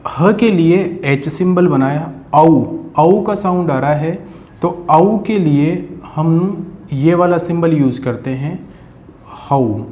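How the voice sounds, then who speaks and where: A man with a fairly high-pitched, dark-toned voice teaches English phonetics at a board. He patiently repeats the key sounds and speaks to his viewers as friends.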